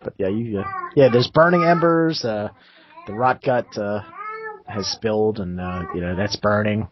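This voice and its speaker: Husky-voiced man running a tabletop game. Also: on the low side. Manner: halting narration with many fillers, laughs easily. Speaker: game master. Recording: dull lo-fi dry sound.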